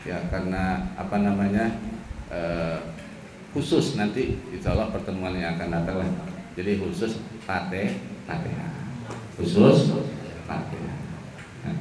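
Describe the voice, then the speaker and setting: Slow-speaking man teaching in an echoey hall. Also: sits low. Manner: slow, explanatory, chants Quran verses as examples. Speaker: Islamic teacher. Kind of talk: religious study lesson. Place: boarding school study hall. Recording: echoey room with faint background noise.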